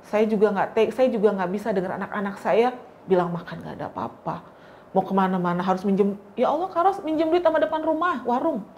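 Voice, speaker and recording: A woman, a talk show guest telling her story in an emotional, animated way and acting out the quotes. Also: mid-range voice, quick pace, a little hiss or hum. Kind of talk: casual interview storytelling.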